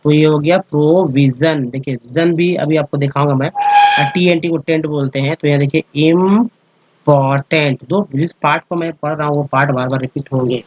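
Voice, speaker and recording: Higher-voiced man teaching step by step. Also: steady tone, brisk, dry recording, dull audio. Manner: explains step by step, repeats words and spells letters out; addresses viewers as friends, checks with "ठीक है". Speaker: English teacher. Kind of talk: spoken slide lesson.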